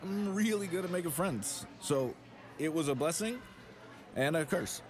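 A man on a dinner date speaking scripted romantic lines, hesitant and gently flirtatious, often repeating his words. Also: on the high side, animated, moderate pace, crowd noise, close to an everyday voice.

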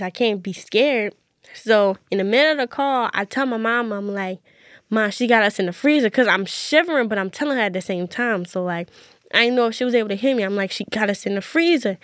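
A young woman telling a personal story in casual conversation, often quoting herself in a hushed voice. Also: mid-range voice, a little fast, no echo, clean studio sound. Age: young adult. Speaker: interview guest.

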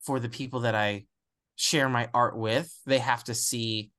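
Young man, American-raised, candid talk, restarts, average pitch. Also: fairly even intonation, unhurried, bright, forceful tone. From United States. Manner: reflective, searching for words, frequent restarts. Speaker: actor, interview guest. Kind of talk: candid conversational interview.

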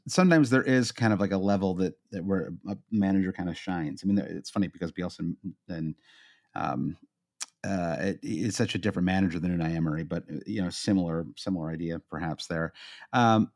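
A man's voice: sits low, brisk, a little mellow. A man with a Midwestern accent co-hosting a casual football podcast, rambling and joking with lots of fillers and restarts. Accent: American Midwestern. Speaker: podcast co-host.

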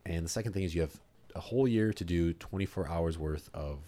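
Speaking in a deep voice and a little fast, a young man animatedly recounts a story on a podcast in a casual way. He swears freely and performs the voices of whoever he's quoting.

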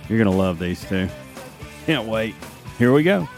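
A man's voice: lowish voice, lively intonation, normal speed. A man introducing a radio show as its announcer. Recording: loud guitar music behind.

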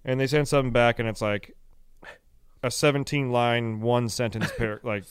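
Podcast host, male, smooth resonant voice, dry close sound, animated ranting delivery. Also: mid-range voice, normal speed, dry recording. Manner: animated, ranting, laughing, acts out quoted exchanges. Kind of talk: casual podcast chat.

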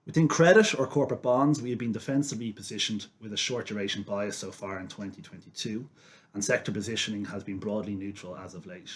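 A man with a fairly deep voice talks as an expert guest on a finance podcast. His delivery is businesslike and measured, laid out as explanation.

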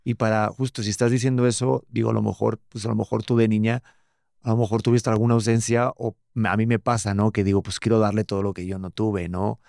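A man's voice: fairly low pitch, level tone, fast, gravelly, darkish tone, dry recording, studio quality. A man, hosting a casual interview, chatty and jokey with many "digo" fillers. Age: 30s. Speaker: podcast host.

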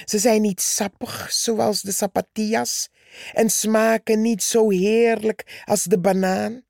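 A woman voicing a small, brave female red ant who answers back proudly, in a slow, gravelly reading. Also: mid-range voice, flat delivery, a little mellow, no room sound, clean studio sound, voice pushed up. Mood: calm. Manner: defiant, proud.

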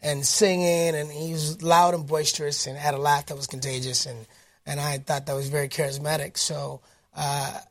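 An animated man from Detroit, speaking as a guest in a relaxed interview. His voice sits fairly high for a man. He talks in an upbeat way, with plenty of fillers and restarts. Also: moderate pace. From Detroit, United States. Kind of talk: casual interview storytelling.

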